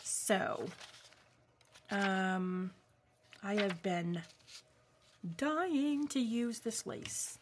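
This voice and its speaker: A forty-something craft vlogger from New England speaks extremely slowly and pauses often in a casual, rambling craft-along at home, her warm asides packed with ums. Her mid-range voice is animated. Filmed by an overhead camera showing only her hands, the clip carries a little hiss or hum.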